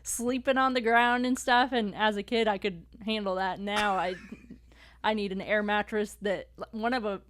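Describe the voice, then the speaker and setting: A young woman, hosting a podcast, chatting casually with a quick laugh and reading an article summary smoothly. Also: mid-range voice, steady tone, fairly bright tone, slight background noise. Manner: laughs often, reads smoothly. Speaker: podcast host.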